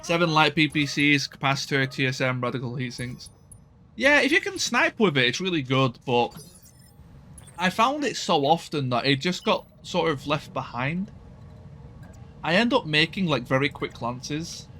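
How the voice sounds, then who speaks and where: A man's voice: a little high, very animated, normal speed, sharp tone, a little hiss or hum. A man casually commenting while playing a strategy game, thinking aloud and swearing now and then.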